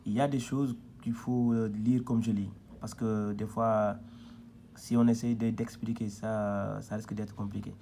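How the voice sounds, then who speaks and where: A man's voice: mid-range voice, a little mellow, slight background noise. A man teaching a reading lesson at a board, patient and repetitive, spelling out syllables one by one.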